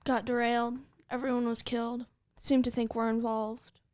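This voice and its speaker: A woman playing in a tabletop role-playing game, speaking in a quick, joking way and often laughing. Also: on the high side, little pitch movement, darkish tone. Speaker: player. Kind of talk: casual tabletop game chat.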